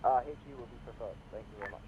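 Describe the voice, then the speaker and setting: A man's voice: medium pitch, racing. A man leading a ground team in a military game speaks over a walkie-talkie radio. He follows radio procedure in a polite, hesitant way with frequent "uh". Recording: muffled voice chat with loud noise.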